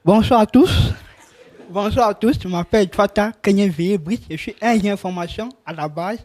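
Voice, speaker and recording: A man, a trainee in a speaking workshop, reciting a self-introduction loudly and carefully. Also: high voice, moderate pace.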